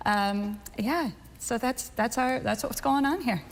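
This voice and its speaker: A woman's voice: on the high side, unhurried. A woman leading a medical school, answering interview questions in an upbeat, proud way with light laughs. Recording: roomy hall echo, faint background noise.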